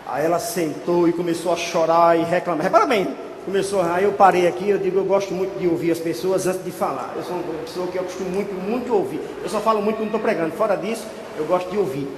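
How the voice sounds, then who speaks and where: Lively man preaching in an echoey hall. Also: high voice, fast talker, slight background noise. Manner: lively storytelling, shouting at climaxes. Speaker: pastor. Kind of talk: sermon with personal testimony. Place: church hall. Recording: echoey hall, faint ambience.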